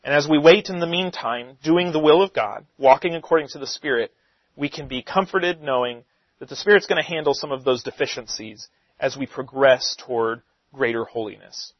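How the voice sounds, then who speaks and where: A man preaching a Bible lesson, reading scripture slowly and then explaining it in loose, conversational asides. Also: mid-range voice, no echo. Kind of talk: sermon-style Bible teaching. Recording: dull, slightly lo-fi dry recording.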